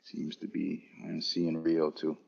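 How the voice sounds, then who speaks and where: A man live-streaming a relaxed walkthrough of an airport lounge, chatting casually to viewers as he points things out. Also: rumbling low, vocal fry, muffled recording. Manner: casual, unhurried, talking to chat viewers. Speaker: travel vlogger.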